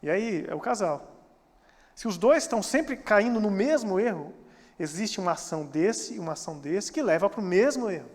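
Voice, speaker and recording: A man with a Brazilian Portuguese accent preaching a sermon as pastor, animated and acting out quoted church members. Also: sits high, moderate pace. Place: church sanctuary. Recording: church hall reverb.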